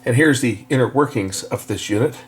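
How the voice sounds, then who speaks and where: A fairly quick, medium-pitched male voice belongs to an electronics repair technician who hosts videos. He demonstrates a repair in a casual, hands-on way, explaining matter-of-factly.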